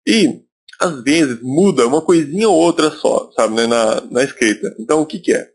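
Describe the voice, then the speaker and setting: A man's voice: on the high side, lively intonation, moderate pace, husky. A man from Brazil teaching English in a recorded video lesson, explaining step by step and repeating words for emphasis.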